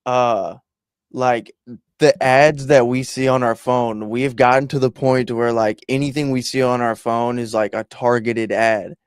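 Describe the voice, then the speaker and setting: Young man with a smooth, dry voice. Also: mid-range voice, fairly even intonation, unhurried, no room sound. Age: young adult. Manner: laid-back, laughs often, casual swearing. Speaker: podcast co-host. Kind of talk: casual profane chat.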